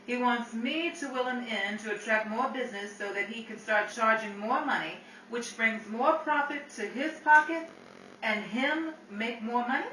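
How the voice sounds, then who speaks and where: A woman, in old-time radio drama style, plays a headstrong, sassy 1930s nightclub singer who bargains hard and fires off slangy, cutting retorts. Her voice is slightly high and sharp at a normal speed, her mood defiant and brassy. The recording sounds roomy with a distant mic and background hiss.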